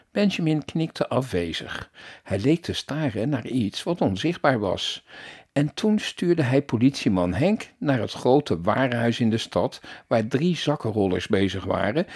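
A man reading a children's story aloud in an expressive, animated storytelling manner. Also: medium pitch, breathy edge.

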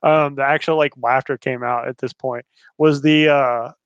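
A man's voice: medium pitch, steady tone, normal speed, smooth, no room sound, muffled recording. A man co-hosting a podcast, chatting about a film and laughing a lot. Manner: chatty, laughs a lot, quotes lines in a put-on voice. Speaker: podcast co-host. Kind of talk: casual film review chat.

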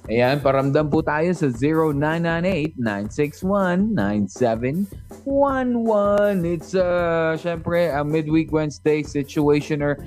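A man's voice: medium pitch, darkish tone. Bantering Filipino radio DJ man. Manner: playful, teasing, lots of fillers and code-switching. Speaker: radio DJ host. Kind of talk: casual radio chat.

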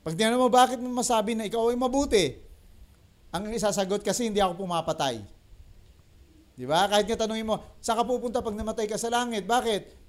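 A Filipino-accented man preaching a sermon with a notably high-pitched voice. He moves between two languages and slows right down to repeat his key lines for emphasis. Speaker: pastor. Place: livestream.

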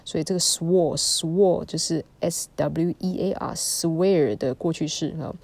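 A woman's voice: deep voice, measured pace, vocal fry, a little mellow. A woman, an English teacher going through vocabulary test answers in a chatty way and spelling words letter by letter.

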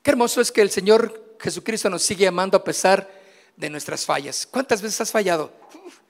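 High-voiced Mexican pastor preaching in a hall. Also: male voice, a little fast, vocal fry. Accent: Mexican Spanish. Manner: conversational, asks the congregation questions, jokes. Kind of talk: sermon. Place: church hall.

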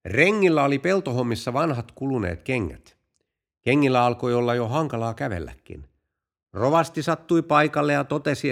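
Guy hosting a joke podcast, deadpan but really lively pitch. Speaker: podcast host. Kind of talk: joke telling.

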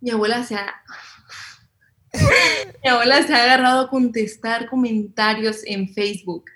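A young woman with a Mexican accent, an interview guest who tells lively stories, acting out what others said and laughing often. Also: on the high side, measured pace, slight background noise. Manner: animated storyteller, acts out quotes, laughs often. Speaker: interview guest, content creator. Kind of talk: casual interview chat.

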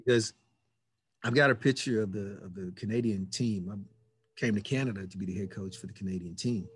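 Earnest man in his fifties, husky voice. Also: lowish voice, fairly quick, no echo. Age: 50s. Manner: earnest, repeats key words. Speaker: podcast host. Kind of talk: reflective conversation.

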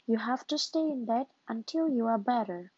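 A woman voicing a calm, patient father pig in a storybook reading, in a plain, patient manner, on a dull lo-fi recording. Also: on the high side, normal speed, slightly rough, no room sound.

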